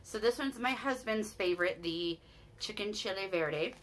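Her voice sits in the mid range at a moderate pace, with a little hiss or hum on the recording. She's a Utah-accented vlogger in her forties, enthusiastically chatting to camera from a small room at home during a shopping haul, often restarting and calling out "you guys."

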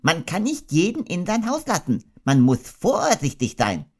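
A man doing a squeaky fussy storybook rabbit. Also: wildly swooping pitch, measured pace, darkish tone, exaggerated voice. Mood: prim, fussy. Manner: prim, clipped and curt. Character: high-strung fussy male rabbit, cautious and polite. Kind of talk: audiobook character voice.

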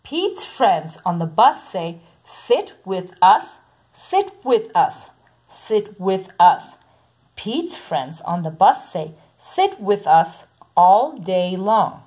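A woman reading a children's picture book aloud in a slow, sing-song way, saying the repeated sounds softly. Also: medium pitch, sing-song, breathy edge. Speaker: storybook reader.

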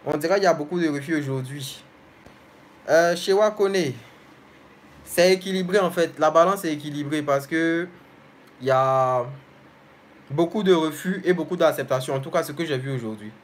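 A man's voice: a little high, moderate pace, long pauses. A young man hosting a casual live stream, reading viewers' comments aloud and answering each one directly and familiarly.

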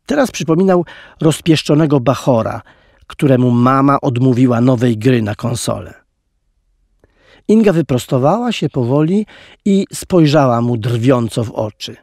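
Man reading a storybook, very lively pitch, close dry studio sound. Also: moderate pace, no room sound. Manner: expressive, animated storytelling. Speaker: audiobook reader. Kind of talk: audiobook narration.

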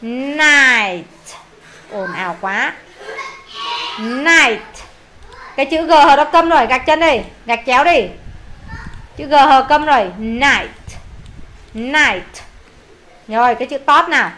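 Bright high-voiced Vietnamese woman teacher. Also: expressive, a little hiss or hum. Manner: repeats words slowly for pupils to echo. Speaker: English teacher. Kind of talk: online pronunciation lesson for pupils.

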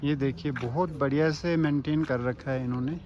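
Male travel vlogger, casual guided-tour narration, mid pitch, dull phone sound outdoors. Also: fairly even intonation, darkish tone. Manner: points things out, names plaques slowly. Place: outdoor war memorial lawn in mountains. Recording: muffled phone audio with outdoor noise.

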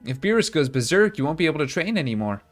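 A man's voice: on the high side, sing-song, fast, soft background music. A man reading out the lines of a gossipy, worried oracle fish in a video game. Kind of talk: video game dialogue read aloud.

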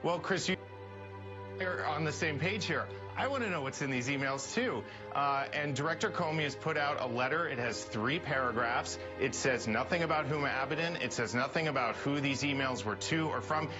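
A man's voice: mid-range voice, normal speed. A man in his thirties answering on a remote feed from an office, defensive and stumbling over restarts. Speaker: campaign manager. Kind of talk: political TV interview. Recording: muffled broadcast audio with music behind.

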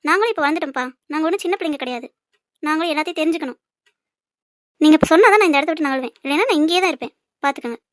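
A woman plays a distraught young daughter in a cartoon drama, in a very high, piping voice. She sounds tearful and pleading. The recording is close and completely dry. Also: animated, racing, a bit bright, dry recording. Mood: insistent.

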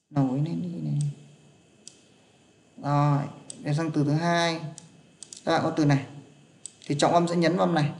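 A man's voice: on the high side, gravelly. A man, teaching an English pronunciation class online and patiently checking that his students are following.

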